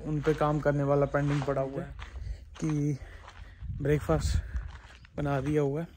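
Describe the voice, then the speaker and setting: A man's voice: a little high, darkish tone. Chatty man vlogging with background noise. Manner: chatty, explaining things on the go. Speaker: factory owner vlogger. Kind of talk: casual vlog. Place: small tile factory and car.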